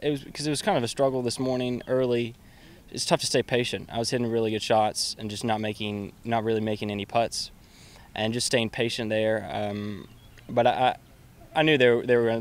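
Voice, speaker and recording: A young man, a college golfer, answering interview questions casually, halting and repeating words. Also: mid-range voice.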